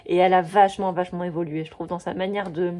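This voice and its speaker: A woman's voice: fairly low pitch, steady tone, quick pace, warm tone. A woman in her thirties chatting casually on her video channel, gushing about favorites with plenty of fillers and restarts. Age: 30s. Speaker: coloring book vlogger. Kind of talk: casual chat.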